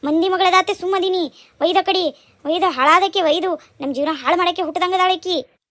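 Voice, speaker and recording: A woman voicing a furious, scolding middle-aged aunt in a cartoon, speaking with a North Karnataka Kannada accent in a shrill, threatening way. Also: moderate pace, a bit bright, dry recording. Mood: angry scolding. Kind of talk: cartoon dubbing.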